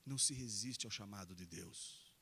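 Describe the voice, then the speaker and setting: A middle-aged man preaching a sermon with passion, rising to loud emphatic peaks and acting out bits of dialogue. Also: on the low side, moderate pace, a little hiss or hum.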